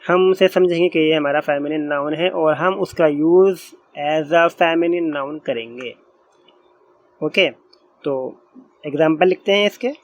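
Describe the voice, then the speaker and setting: Patient male teacher, slightly high voice. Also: lo-fi sound. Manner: patient, repeats each point slowly while writing on a board. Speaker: Arabic teacher. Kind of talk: classroom grammar lesson.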